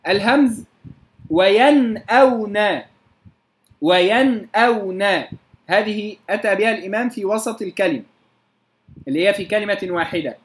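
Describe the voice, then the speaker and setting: Male tajweed teacher, high-pitched, explains the rules and demonstrates them with slow recited examples. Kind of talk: tajweed lesson.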